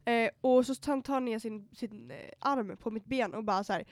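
A young woman co-hosting a casual podcast, telling an animated story, acting out what she said, swearing freely and dropping in English phrases. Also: fairly high pitch, no echo. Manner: animated storytelling, quoting herself. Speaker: podcast co-host. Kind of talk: casual chat.

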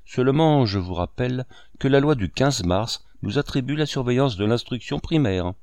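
A man reading the part of a composed village priest who speaks calmly, dryly and firmly. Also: medium pitch, moderate pace, no echo, pitched above the performer's own voice, close to an everyday voice. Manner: calm, dry and firm.

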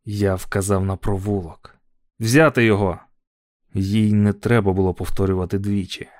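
A man narrating an audiobook story in a measured, calm telling. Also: sits low, no echo, studio quality.

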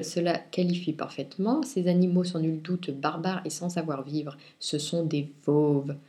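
A woman reviewing and reading a children's picture book aloud in clear, expressive storytelling. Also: sits low. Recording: roomy echo.

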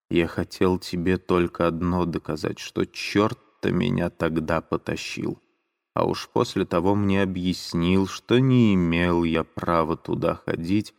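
A man voicing a tormented young man who confesses in a grave, slow, heavy way. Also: low-pitched, creaky. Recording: long reverb.

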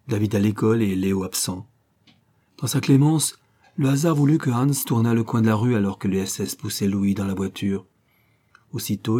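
A man reading a novel aloud as the narrator, in a steady, measured way. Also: on the low side, husky. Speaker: audiobook narrator. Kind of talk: scripted narration.

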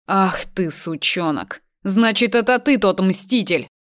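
A man's voice: sits high, lively intonation, slow, exaggerated voice. Woman doing an angry tough boss guy, threatening, audiobook. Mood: furious. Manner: threatening, shouting. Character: furious powerful older businessman, ex-criminal.

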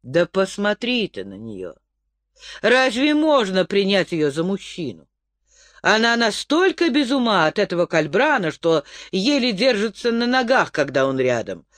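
A man reading an audiobook voices a calm young nobleman who teases in a cool, matter-of-fact way. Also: high voice, measured pace, dry recording, heavily acted. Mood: mocking.

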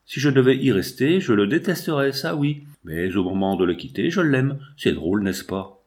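Wistful young woman, gentle and reflective; lively pitch, read by a man. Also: moderate pace, natural voice. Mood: pensive. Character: young woman leaving her provincial town, wistful.

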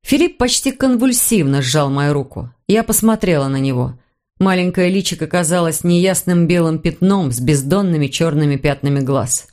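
A woman narrating a suspense novel in the first person, calm and measured. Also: deep voice. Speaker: audiobook reader. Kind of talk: scripted narration.

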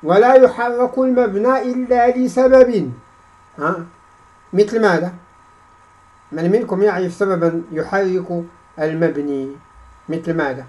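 Guy with a fairly high voice teaching grammar, keeps going "huh?" to get the class to answer, drags out the examples slow. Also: darkish tone, poor audio. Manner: prompts students with repeated questioning interjections and slow recitation. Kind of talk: classroom lesson with call-and-response.

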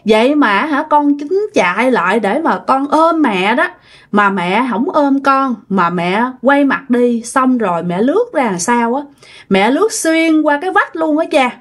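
A woman's voice: high-pitched, animated, unhurried. A woman with a Southern Vietnamese accent voicing a little boy who cries and pleads for his dead mother. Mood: sad recounting.

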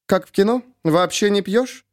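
A man's voice: sits high, big pitch swings, fairly quick, voice pushed up. Man voicing an angry woman lieutenant. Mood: scolding. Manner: sharp, scolding, sarcastic. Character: angry young woman police lieutenant, stern. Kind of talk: audiobook character voice.

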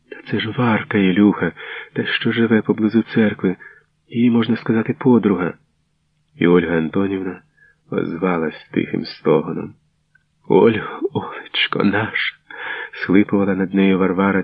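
Deep-voiced man reading dramatically. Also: no echo. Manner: expressive, dramatic delivery. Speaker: audiobook reader. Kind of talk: dramatic literary narration. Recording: dull, dry recording.

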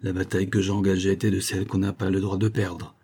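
A male audiobook narrator reads a classic story in a measured, commanding way. His voice is low and mellow, with a husky grain. He keeps a cold, deliberate control over every sentence. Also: little pitch movement.

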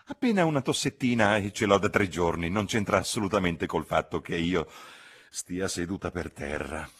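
A man's voice: deep voice, lively intonation, moderate pace, husky. A man voicing a fussy, self-sacrificing spinster chaperone who talks in a fretful, prim, martyred way.

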